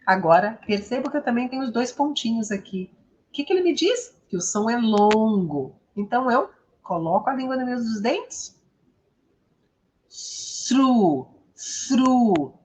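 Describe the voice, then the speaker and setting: A Brazilian woman teaching English pronunciation, patiently repeating each model word slowly and clearly. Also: a little high, expressive, darkish tone. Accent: Brazilian Portuguese. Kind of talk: pronunciation lesson.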